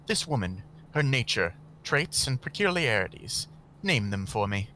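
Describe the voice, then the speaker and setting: A man's voice: medium pitch, big pitch swings, a little slow, pushed and bright, a little hiss or hum. A man reading fan fiction aloud while voicing a cruel, domineering woman official in clipped, menacing lines.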